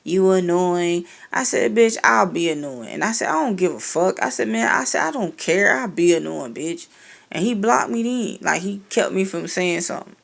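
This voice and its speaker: Young woman venting about drama, swears a lot, sarcastic, gravelly fry in her voice. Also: fairly low pitch, moderate pace. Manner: profane, sarcastic, animated retelling with quoted exchanges. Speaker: vlogger telling a story. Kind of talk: casual storytelling rant.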